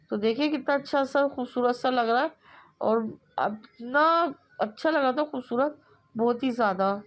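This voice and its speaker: A woman explaining kurti neck stitching step by step in a relaxed, repetitive way, pausing often with fillers. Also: sits high. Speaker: sewing instructor. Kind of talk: step-by-step tailoring tutorial.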